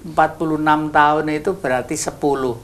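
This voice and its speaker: A man's voice: a little high, steady tone, brisk. An older man hosting a studio talk show, folksy and philosophizing, teasing his guests. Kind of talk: relaxed studio chat.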